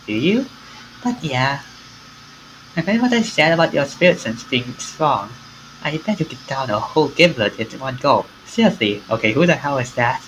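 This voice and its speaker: In a rough recording with a touch of background noise, a streamer voices the dialogue of a visual novel with great animation. The pitch sits mid-range overall but leaps up and down as each new character speaks.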